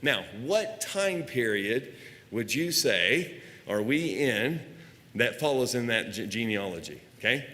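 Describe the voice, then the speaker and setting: A man's voice: medium pitch, animated, slow pace, bright, forceful tone, long reverb tail. A man with an American accent preaching a Sunday evening sermon in a church, teaching conversationally and putting questions to the congregation. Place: church auditorium.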